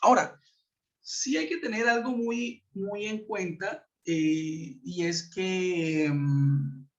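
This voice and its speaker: High-voiced man teaching over a web call. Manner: patient, explanatory, checks with "¿cierto?"; reads example sentences slowly. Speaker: English teacher. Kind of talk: online class explanation. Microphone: computer mic on a web conference. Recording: muffled web-conference audio.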